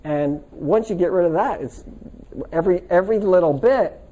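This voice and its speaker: A man's voice: high-pitched, moderate pace, warm tone, highs cut off. A man teaching a stress workshop to a live audience in a casual, chatty way, telling stories and checking that his listeners follow. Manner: chatty, anecdotal, asks the audience for agreement. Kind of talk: casual live seminar talk. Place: seminar room with a live audience.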